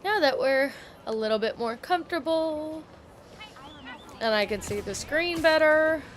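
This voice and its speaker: Slow-talking, rambling woman gamer. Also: high voice, lively intonation, slight background noise. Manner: rambling, with many fillers and self-corrections. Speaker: gaming streamer. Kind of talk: casual gameplay commentary. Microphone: headset or desk mic, at times far from it.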